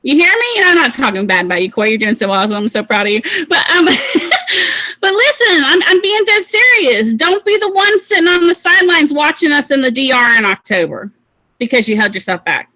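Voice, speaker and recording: A young woman leading a team call with a fired-up motivational pep talk, casual and excitable. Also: high voice, brisk, no room sound, low-quality recording. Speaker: team leader of a sales call.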